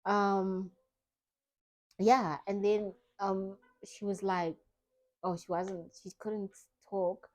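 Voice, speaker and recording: A woman softly telling a personal story of grief in a vlog, acting out her own past thoughts. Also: medium pitch, level tone, drawn-out words. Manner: soft, reflective, grieving, re-enacting her own thoughts. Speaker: vlogger.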